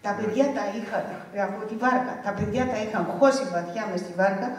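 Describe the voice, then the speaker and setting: An older woman, telling a vivid family story at a community event and acting out the words of the people in it. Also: medium pitch. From Greece, Ikaria. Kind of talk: oral history storytelling. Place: village cultural association hall. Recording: echoey hall heard from far off.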